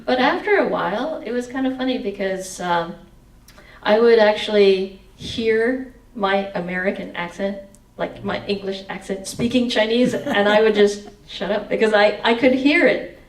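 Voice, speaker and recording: This is a woman in her forties in an indoor meeting room, giving an expressive reading of her memoir into a headset mic, with snatches of song, before answering audience questions. Her pitch is medium and her speed normal, while the low-quality recording is roomy and distant.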